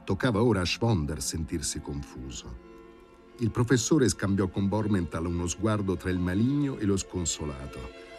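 A man narrating a novel aloud with an expressive storytelling delivery. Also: sits low, normal speed, faint music behind. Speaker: audiobook narrator. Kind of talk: audiobook reading.

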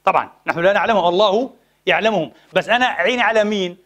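A man's voice: high-pitched, rapid-fire, fairly bright tone. A male preacher, giving an impassioned sermon full of rhetorical questions and emphatic peaks. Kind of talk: Friday sermon.

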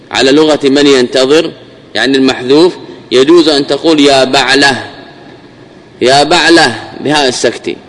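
A sheikh giving a classical Arabic grammar lesson, repeating phrases and examples, asking and answering his own questions, his voice dropping low at the ends of phrases. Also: fairly bright tone, a little hiss or hum, rough recording.

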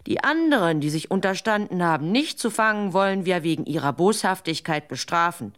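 A woman's voice: fairly low pitch, animated, fairly quick, lightly acted. A woman voicing an indignant foolish man, fussy and raised in tone.

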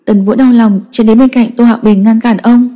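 A woman narrating a dramatic story in a steady, emotive reading. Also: fairly high pitch, a little fast. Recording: long echoing reverb.

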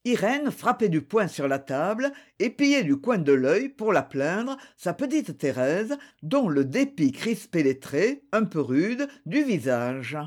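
An audiobook reader narrating a classic novel in a measured, expressive way. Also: medium pitch.

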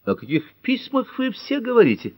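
A man doing a wry, calm amateur detective. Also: fairly low pitch, unhurried, dry recording, exaggerated voice. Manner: good-natured, wry, polite.

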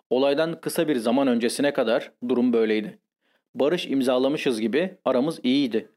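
A man reading a first-person literary confession as an audiobook, in a measured, grave and intense manner. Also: mid-range voice, a little mellow. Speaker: audiobook narrator.

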